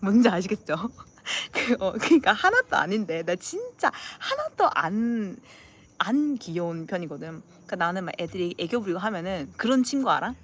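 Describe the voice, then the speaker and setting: Hosting her channel, a young Gyeongsang woman from South Korea talks with viewers in a sing-song, mid-range voice at normal speed. Her chat is relaxed, full of laughter and acted-out phrases in her regional dialect.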